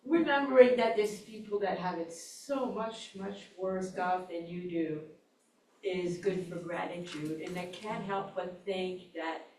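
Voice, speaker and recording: A woman sharing thoughtful remarks on gratitude at a congregation gathering. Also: lowish voice. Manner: thoughtful, slow, gentle laughs. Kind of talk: casual group sharing. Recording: echoey hall, far mic.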